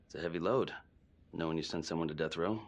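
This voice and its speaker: A steady male police chief, with a very low voice. He talks in a measured, reassuring manner to his detective in the game scene. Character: stern but supportive male police chief. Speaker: police superior. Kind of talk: video game cutscene acting.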